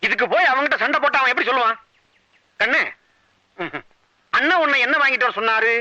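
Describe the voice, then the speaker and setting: Calm village trader, talks folks down patiently, fast, dull old film sound. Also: male voice, very high-pitched, dry recording, heavily acted. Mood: coaxing. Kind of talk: 1980s film comedy dialogue.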